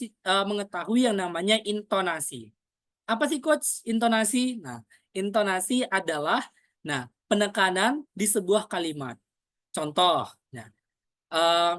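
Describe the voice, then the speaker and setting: A woman explains public speaking technique in a relaxed, filler-heavy teaching voice, peppering her phrases with "nah" and "eh". She stops to act out example sentences and to ask questions in the name of "Coach". Her voice sits mid-range and sounds close and dry, with no room echo. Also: medium pitch. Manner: demonstrates example lines aloud; poses questions to herself as "Coach". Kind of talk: spoken training lesson.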